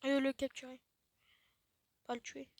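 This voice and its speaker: High-voiced woman muttering through a game. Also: monotone, unhurried, dry recording. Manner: chatty, self-mocking, drops into quiet muttered asides. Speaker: let's play host. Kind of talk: casual gaming commentary.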